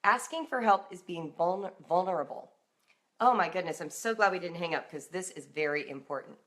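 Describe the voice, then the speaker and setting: On the low side and fairly quick, a woman's voice comes across fairly bright. She's a middle-aged American coaching parents in an informal live broadcast, as a parenting and homeschool coach, direct and emphatic as if talking with her audience.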